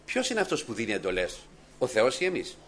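A man preaching a sermon to a congregation, swinging between loud exclamations and hushed murmurs and putting questions to his listeners. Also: medium pitch, huge pitch swings, a little hiss or hum.

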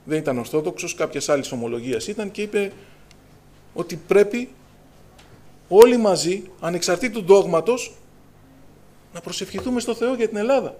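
Fervent high-voiced male preacher. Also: lively intonation, darkish tone. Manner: fervent, preacher's call-and-response, raises voice on scripture. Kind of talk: Pentecostal sermon.

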